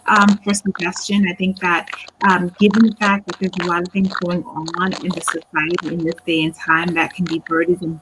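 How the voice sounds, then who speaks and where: A woman's voice: fairly low pitch, little pitch movement, normal speed. A woman counselor introducing herself on an online panel, speaking in an earnest, encouraging way over a staticky, crackly call connection. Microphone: remote call line.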